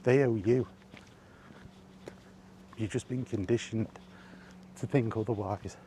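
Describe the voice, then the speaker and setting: A gaming vlogger delivers an opinion rant while walking outdoors by some allotments, with faint noise behind him. His voice is low and mellow with fairly even intonation, and he lectures slowly, bluntly and with emphasis.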